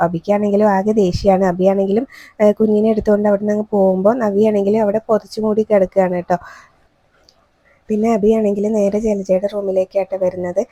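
A woman's voice: mid-range voice, warm tone, dry recording. A woman hosting a serial review channel, retelling the plot in a chatty, casual way and often adding a friendly "you know" tag. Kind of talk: fast casual plot recap.

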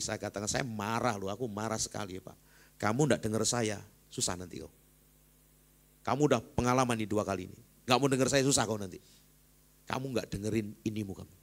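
Pria, pendeta, khotbah ibadah, nada tengah, lantang saat menekankan poin. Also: male voice. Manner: lively preaching with loud rises, acts out quoted voices in a lower tone. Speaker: pastor. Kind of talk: sermon. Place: church service.

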